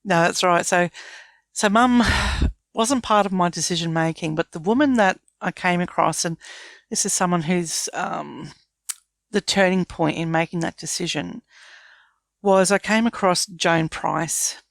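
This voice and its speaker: Lowish and creaky, the voice of this Australian woman in her fifties comes through unhurried with no echo. She runs a small business and shares frank, reflective thoughts as a guest in a relaxed interview.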